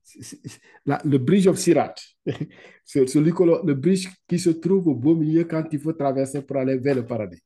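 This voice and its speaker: A man's voice: a little high, dark tone, breathy edge. A man teaching Quran reading over a video call, explaining patiently step by step and checking in with frequent "ok?". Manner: slow, drawn-out recitation of Arabic words for repetition.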